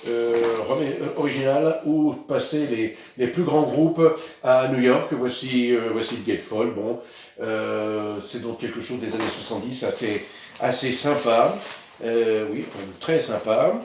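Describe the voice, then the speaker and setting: A man's voice: mid-range voice, measured pace, heavy reverb, background noise. A man casually showing his vinyl records outdoors, rambling with many hesitations. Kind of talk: casual vlog. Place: outdoors in the sun.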